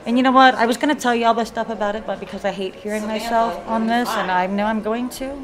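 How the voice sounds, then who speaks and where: A woman's voice: on the high side, steady tone, fast. A middle-aged woman with a Kentucky accent talks in a loose, rambling way, stumbling and restarting as she goes. She is a guest in a casual live interview at a hotel event. A crowd chatters steadily behind her. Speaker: guest paranormal investigator.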